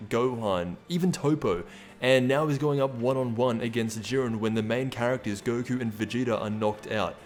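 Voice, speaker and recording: A man hosting a video, giving casual, opinionated commentary and recap in an explaining way. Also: medium pitch. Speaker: video host. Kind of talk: fan recap and commentary on an anime episode preview. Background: music behind the voice.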